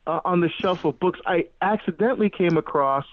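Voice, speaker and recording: A middle-aged man born in Barbados and raised in New Jersey, a guest on a radio interview, telling his story with animated restarts and many fillers. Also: sits high, brisk, no echo. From born in Barbados, grew up in New Jersey. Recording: tinny phone-line sound, dry.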